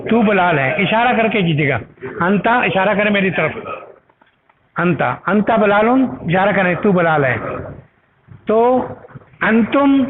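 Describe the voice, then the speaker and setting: A man teaching an Arabic grammar class, patiently repeating each word with its meaning and asking learners to say it aloud. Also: high-pitched. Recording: tinny phone-like recording with loud noise.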